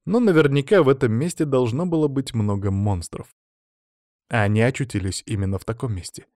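A man reads an adventure audiobook in a steady, measured way at a middle pitch. The sound is close and dry, with no room around it. His telling is even and controlled. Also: no room sound. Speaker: audiobook narrator. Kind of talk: scripted narration.

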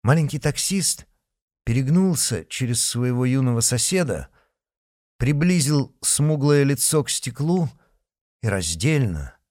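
A man's voice: mid-range voice, sing-song, a little slow, darkish tone, no room sound, clean studio sound. A man narrating an audiobook expressively, voicing each character.

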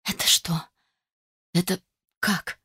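A woman doing an excitable, fussing mother. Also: slow pace, dry recording, studio quality. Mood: excited. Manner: exclaiming, emotional. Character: excitable loving middle-aged mother. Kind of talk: audiobook character voice.

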